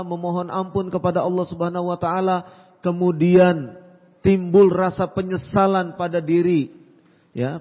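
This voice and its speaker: A male preacher with a fairly high voice answers questions in a calm, advising tone, circling back over his points. The sound is dull and muffled with a long hall reverb trailing each phrase. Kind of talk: religious Q&A lecture.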